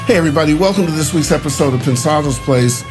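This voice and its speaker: A man with a Southern US accent hosting an interview show, upbeat and brisk. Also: a little high, over music. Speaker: show host.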